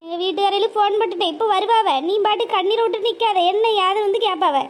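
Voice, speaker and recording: A woman voicing a scheming, impatient grown daughter, scolding in a sharp, nagging way. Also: very high voice, fairly even intonation, quick pace. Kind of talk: cartoon voice acting.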